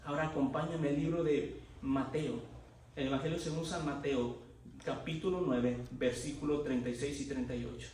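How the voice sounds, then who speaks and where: A man's voice: fairly high pitch, steady tone, moderate pace, darkish tone, recorded from a distance, slight background noise. A married man preaching a sermon in a church, speaking with impassioned, emotional conviction as he tells his own testimony. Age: adult, married. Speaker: lay preacher. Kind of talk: Pentecostal-style sermon. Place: church sanctuary. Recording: very echoey church hall recorded from afar.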